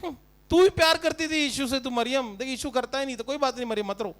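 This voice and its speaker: A man voicing a fussy woman mourner who repeats soft, hushed words of comfort to grieving sisters. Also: very high voice, quick pace. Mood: fussy consoling. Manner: soft, hushed, repetitive soothing.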